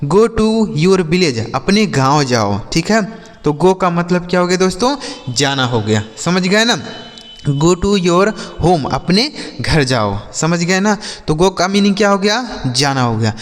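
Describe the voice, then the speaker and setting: A man teaches English word by word in a casual online lesson. His voice sits a little high for a man. He stretches each English example slowly, then gives the Hindi meaning. A long reverb trails after his voice. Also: sing-song, a bit bright. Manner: slow drawn-out English example sentences, repeats "ठीक है" and "दोस्तों".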